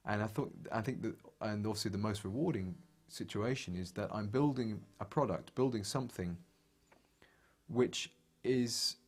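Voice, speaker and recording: A man with a fairly low voice talks about his craft as a guitar maker. His speech is reflective and halting, with frequent restarts and repeated words as he searches for the right phrasing. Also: darkish tone. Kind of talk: reflective interview talk.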